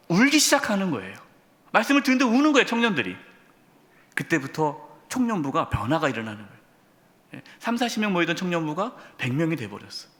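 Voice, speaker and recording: Male pastor, sermon, lively rising and falling pitch, slightly high voice, talks straight to the congregation. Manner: addresses congregation directly with questions; storytelling, animated emphasis. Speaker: senior pastor. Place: church sanctuary. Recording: long church hall reverb.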